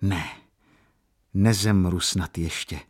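A man's voice: deep voice, fairly even intonation, darkish tone, slightly rough. A man doing an earnest lovestruck young man. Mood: resolute.

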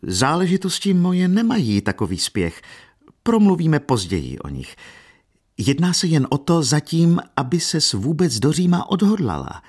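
A man reading an audiobook, voicing a proud, brisk aristocratic older lady who speaks imperiously and emphatically. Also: on the high side, huge pitch swings, darkish tone, slightly rough, pitched above the performer's own voice, exaggerated voice. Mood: insistent. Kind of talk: audiobook character voice.

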